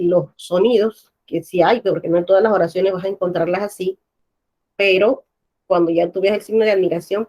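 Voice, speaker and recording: A woman's voice: medium pitch, darkish tone. A woman teacher with a Panamanian accent, patiently explaining a language lesson and often checking with her class by asking "right?".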